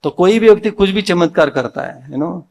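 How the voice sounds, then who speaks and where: A man's high, creaky, darkish voice carries lively intonation at normal speed as he gives a devotional Sunday sermon in a temple hall. He has an Indian accent, mixes English words into Hindi, and answers the questions he asks his audience.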